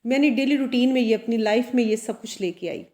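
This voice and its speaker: A woman who runs both a salon and a boutique speaks to camera in a personal motivational vlog about her own life. Her voice is a little high and dark in tone, her pace slightly quick, and she talks earnestly and confidingly, frequently checking in with viewers through tag questions.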